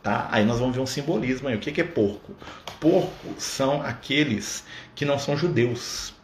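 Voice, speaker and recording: A man's voice: mid-range voice, lively intonation, normal speed. A man leading an informal religious study on a livestream. He talks conversationally and keeps checking in with his listeners. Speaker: spiritist study leader. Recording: echoey room with faint background noise.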